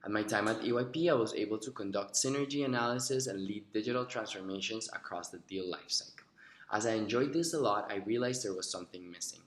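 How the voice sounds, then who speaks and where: A man's voice: fairly low pitch, fast, echoey room, slight background noise. Earnest young man from Rica. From Costa Rica. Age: young adult. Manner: earnest, rehearsed, with fillers. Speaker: job applicant. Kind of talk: recorded video interview answers. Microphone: recorded himself on video.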